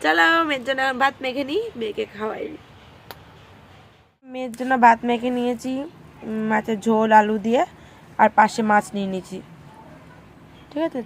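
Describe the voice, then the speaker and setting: A young mother, her voice hoarse and strained, chatting homely and casually to her viewers. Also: a little high, fairly quick, long pauses, a little hiss or hum. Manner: chatty, homely, soft baby talk with her daughter. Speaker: vlogger, mother. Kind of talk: casual vlog narration to viewers.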